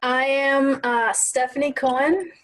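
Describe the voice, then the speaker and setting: A young woman from Colombia, a percussionist, introducing herself quickly and casually on a video call. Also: sits high, a bit bright, rough recording.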